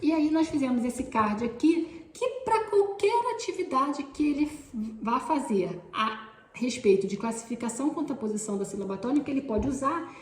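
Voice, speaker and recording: A woman's voice: high-pitched, expressive, normal speed, reverberant, a little hiss or hum. A woman teacher, explaining classroom activities step by step and often pointing things out. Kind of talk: instructional explanation.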